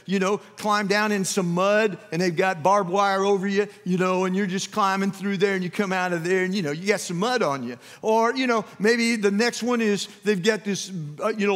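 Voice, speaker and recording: A man's voice: high voice, a bit bright. A man preaching as a pastor, telling a folksy story full of asides. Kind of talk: sermon. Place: large church hall. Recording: long reverb of a church hall.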